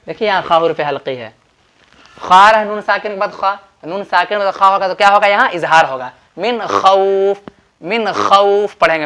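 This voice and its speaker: His Urdu-accented voice sits high, bright and forceful, as he gives a tajweed lesson on Quran recitation rules at a board. Patient and repetitive, he draws sample words out slowly and shoots quiz questions at the students.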